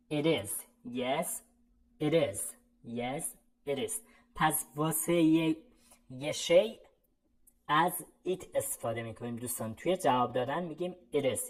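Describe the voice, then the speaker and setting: A woman teaching English in a voice, explaining in a brisk, friendly way and then saying short model sentences slowly and carefully. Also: deep voice, low-quality recording. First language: Persian. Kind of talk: online language lesson.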